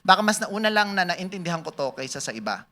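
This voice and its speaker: A man's voice: high-pitched, sing-song, fast talker, bright, forceful tone. A man giving a sermon-style talk to an audience, joking and laughing at his own jokes, quizzing listeners and mixing Tagalog with English. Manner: switches between Tagalog and English mid-sentence. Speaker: church speaker at a business talk.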